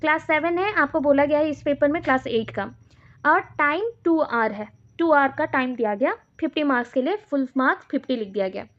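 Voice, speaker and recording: A woman teacher with an Indian accent giving a brisk exam revision lecture, reading questions aloud slowly and explaining them. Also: high voice. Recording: dull lo-fi recording.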